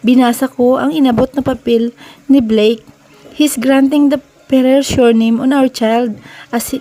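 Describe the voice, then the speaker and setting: High-voiced woman narrating a romance story. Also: dark tone. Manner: reads in mixed Tagalog and English, conversational first-person storytelling.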